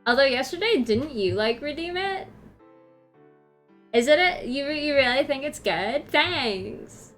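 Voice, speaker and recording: A woman's voice: high voice, animated, unhurried, fairly bright tone, faint music behind, voice pushed up. A woman streamer putting on a Valley Girl accent, dropping "like" and "totally" all through her talk. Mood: bubbly. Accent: Valley Girl put-on accent. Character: bubbly Valley Girl woman, young adult. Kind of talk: streamer doing a viewer-redeemed voice bit.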